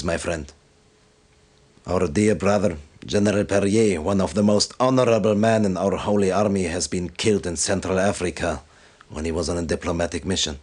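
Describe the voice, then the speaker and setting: In a video game, an actor voices a stern, devout military commander delivering briefings that are solemn, formal and deliberate. The male voice is deep, and the mood is solemn and vengeful.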